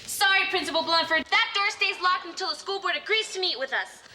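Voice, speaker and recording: A woman's voice: very high voice, brisk. A defiant teen girl. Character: spoiled, stubborn teenage girl protester. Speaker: student radio host. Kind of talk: sitcom acting. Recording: studio audience laughter and noise.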